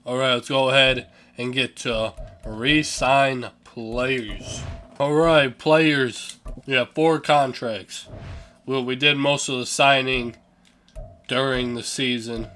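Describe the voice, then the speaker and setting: A young man talks his way through a sports video game in a slow, drowsy drawl, tossing out casual swears and mumbling over names. His voice has a bright edge, and soft music plays underneath. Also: medium pitch, fairly even intonation. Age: young adult. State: sleepy, yawning. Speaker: gaming channel host. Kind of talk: casual gameplay commentary.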